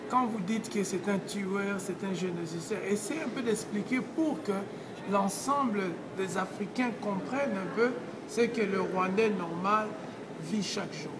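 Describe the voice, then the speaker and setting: A man's voice: high-pitched, a little slow. A man interviewing people outside a hotel, probing and hesitant with many fillers. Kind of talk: street interview. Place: outside a hotel, noisy street. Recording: loud street noise behind.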